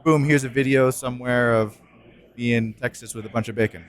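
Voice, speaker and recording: A man chatting casually as co-host on a podcast, mid-pitched, his talk loose and full of "um" and "like" as he circles back and restarts his sentences. His voice sits at an ordinary level for a man. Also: fairly even intonation, a little fast. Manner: rambling, many fillers and restarts.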